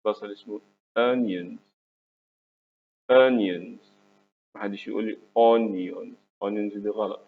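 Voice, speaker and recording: A man's voice: fairly low pitch, measured pace, long pauses. A man with an Egyptian Arabic accent, teaching English words to children, saying each word for them to repeat and praising them. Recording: tinny phone-like recording with faint hum.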